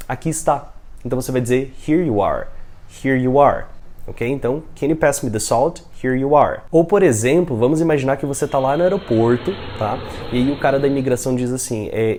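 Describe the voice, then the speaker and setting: A young adult man with a Brazilian Portuguese accent teaches English in an upbeat online lesson, modeling phrases slowly. His voice is mid-range and mellow.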